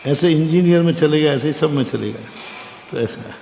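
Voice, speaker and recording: A man's voice: a little high, moderate pace, creaky, a little mellow. A man teaching as a monk in a classroom-style religious lecture, quizzing his listeners and repeating key phrases in a conversational way. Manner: quizzes listeners with frequent questions. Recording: echoey hall with faint background noise.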